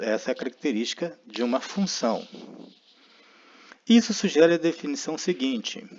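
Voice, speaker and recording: A man's voice: mid-range voice, a little mellow. A man with a Brazilian Portuguese accent teaching a math lesson, explaining step by step and often checking in with his listeners. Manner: explanatory, frequent tag questions, thinking aloud. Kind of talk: recorded lecture. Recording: dull lo-fi recording.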